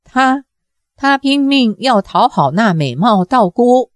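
A woman's voice: a little high, very animated, takes it slowly, no echo, studio quality. A woman voicing a frightened young daughter who stammers and hesitates. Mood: pleading.

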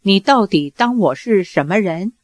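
A woman voicing a young swordswoman mistress in an audiobook, soft, tremulous and reproachful. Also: medium pitch, animated, moderate pace, dry recording, clean studio sound, lightly acted. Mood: anguished. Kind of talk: audiobook character reading.

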